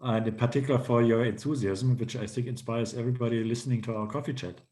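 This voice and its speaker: A man taking part in a casual online panel discussion, speaking in a measured, thoughtful way. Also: mid-range voice, fairly even intonation, a little mellow. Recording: roomy video call audio.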